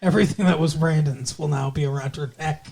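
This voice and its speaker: A woman's voice: low-pitched, fairly quick, background noise. A woman co-hosting a podcast, recapping a TV episode in blunt, sarcastic casual chat and swearing freely. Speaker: podcast co-host.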